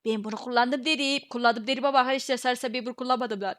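A woman's voice: fairly high pitch, fairly even intonation, rapid-fire, a bit bright. A woman giving casual, joking gameplay commentary, grumbling playfully as she talks to her viewers. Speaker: gaming video creator.

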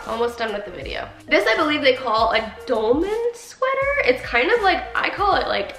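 A young woman talks in a chatty, gushing vlog style, peppered with filler "like". Her voice is a little high and often drops into creaky fry. It rings with the echo of an empty, unfurnished room. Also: a bit bright. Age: young adult. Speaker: fashion haul vlogger. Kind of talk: casual chat to camera. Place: small unfurnished carpeted room, indoors.

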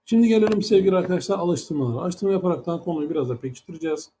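A man's voice: high-pitched, rapid-fire, mellow, slight background noise. A man teaching an English grammar lesson in Turkish, with a Turkish accent in English. He explains patiently, step by step, and asks many rhetorical questions.

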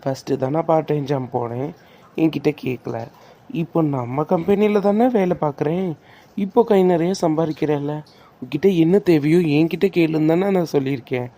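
A man's voice: fairly high pitch, brisk, warm tone, lightly acted. A man voicing a young older brother who teases and comforts his crying sister. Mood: caring. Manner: teasing, reassuring. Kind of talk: cartoon voice acting.

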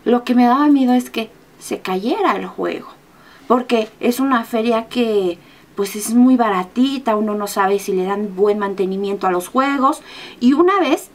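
A young Mexican woman vlogger telling a story in a casual, animated way, acting out her own screams and the lines of the people in it. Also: on the high side, moderate pace.

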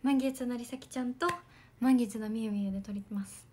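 Young woman idol streamer, bubbly and giggly, soft casual chat with viewers, voice on the higher side. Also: fairly even intonation, brisk, a little hiss or hum. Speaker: idol livestreamer. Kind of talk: casual livestream chat reading comments.

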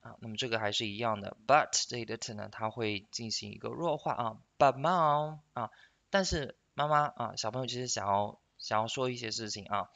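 Male English teacher, clear bright timbre, patient explainer who models phrases slowly for practice. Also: medium pitch, lo-fi sound. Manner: sentences end in soft drawn-out particles. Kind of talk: explanatory language lesson.

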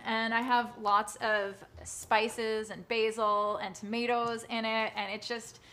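A woman hosting a live social-media conversation, talking fast and in a bubbly way. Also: a little high, little pitch movement, bright, forceful tone. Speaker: host.

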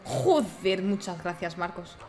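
A woman with an accent from Spain improvising casual role-play in an online game, blunt and quick to swear. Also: lowish voice, lively intonation, a little mellow, soft background music.

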